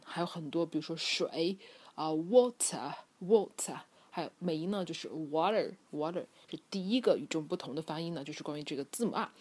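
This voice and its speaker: A woman giving a bilingual pronunciation lesson and stretching each example word out slowly as she demonstrates it. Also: deep voice. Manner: slow, drawn-out demonstration of example words; explanatory, with frequent filler sounds. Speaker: English pronunciation teacher.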